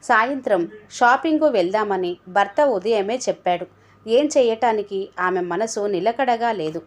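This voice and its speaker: A woman narrating a dramatic audio story in a steady, expressive reading voice. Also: mid-range voice.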